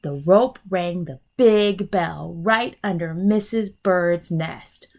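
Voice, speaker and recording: A woman teacher with a lowish voice reads a children's storybook aloud slowly, expressive and explanatory for young listeners.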